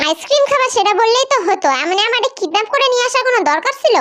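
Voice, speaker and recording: A woman's voice: extremely high pitch, expressive, background noise. A woman doing a comedic fan dub, voicing several characters, scolding and exclaiming. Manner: scolding, exclaiming, quick to laugh.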